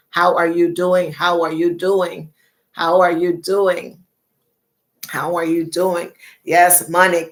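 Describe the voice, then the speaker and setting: A woman's voice: lowish voice, gravelly, fairly bright tone. A middle-aged woman hosting a casual livestream chat, chatty, repeating phrases and laughing often. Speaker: livestream host.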